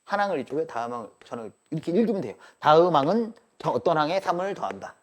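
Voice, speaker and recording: Pitched on the high side with big swings, a man leads a live math class. He drills students with frequent quick questions and check-ins, moving back and forth between polite and casual speech.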